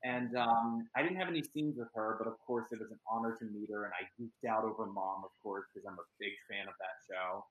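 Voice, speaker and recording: A man's voice: fairly low pitch, steady tone, a little fast, few pauses, fairly bright tone, lo-fi sound. Earnest man in an echoey room. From Pennsylvania. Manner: earnest, chatty with many ums. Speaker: actor and guest. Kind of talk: casual interview chat.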